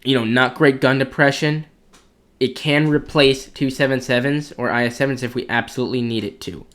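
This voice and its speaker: A man's voice: medium pitch, fairly even intonation, a little fast, fairly bright tone. A man giving blunt, opinionated commentary as he ranks tanks for competitive play, thinking aloud as he goes. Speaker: clan commander ranking tanks. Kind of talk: casual gaming commentary.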